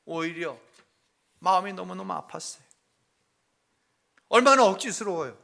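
This middle-aged pastor recounts a personal family story in a sermon, switching between quiet confession and loud, acted quotes. His voice sits high with vocal fry, and his pace is normal.

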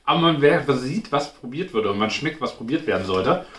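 Animated man reviewing snacks, echoey room. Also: mid-range voice, moderate pace. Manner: informal, thinking aloud while tasting. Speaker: food review host. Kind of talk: casual chat, snack taste-test review. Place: indoors at home, in front of a glass cabinet. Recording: roomy echo, clear background noise.

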